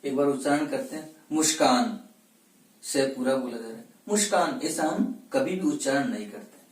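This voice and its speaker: A man's voice: mid-range voice, a little fast, darkish tone. A man teaching a Hindi grammar lesson for exam preparation. He asks questions and answers them himself, and he repeats words as a drill. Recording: echoey room, mic at a distance.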